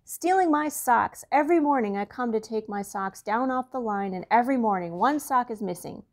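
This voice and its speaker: A woman reading a storybook aloud and voicing Boober, a grumpy, fretful male Fraggle, slow and emphatic. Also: mid-range voice, expressive, lightly acted. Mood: angry.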